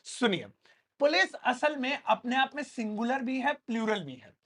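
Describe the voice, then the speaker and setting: A man teaches a spoken English lesson in a classroom. His delivery is playful and lively, with joking asides to the students. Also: extremely high pitch, unhurried.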